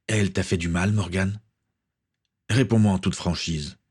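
A man's voice: sits low, fairly even intonation, normal speed, a little mellow, breathy edge. A man voicing a stern, protective uncle in a storybook reading.

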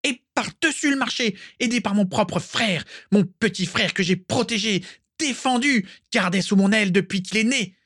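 A man voicing a furious, haughty older witch who screams insults in a shrill, screeching voice. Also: moderate pace, fairly bright tone, natural voice.

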